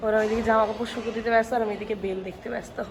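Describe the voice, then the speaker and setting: Young woman vlogger, fast, chatty and high-voiced, phone video with steady background noise. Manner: chatty, excitable. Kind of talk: casual vlog narration. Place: family home and outings.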